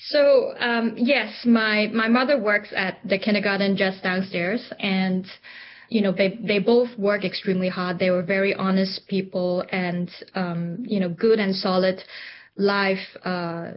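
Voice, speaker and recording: A woman's voice: medium pitch, fairly even intonation, a little slow, lo-fi sound. A middle-aged woman from Hong Kong, an entrepreneur guest in an interview, speaking thoughtfully with frequent ums and restarts. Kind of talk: reflective interview conversation.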